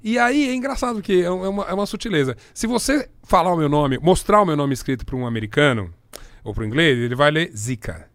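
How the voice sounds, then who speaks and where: A middle-aged Brazilian journalist spins stories with a high, lively voice that jumps all over its range. He laughs a lot and slips into the voices of the people he quotes. The sound is dry and close. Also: quick pace, no echo. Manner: animated, laughs often, acts out quoted voices. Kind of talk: anecdotal storytelling in a conversation.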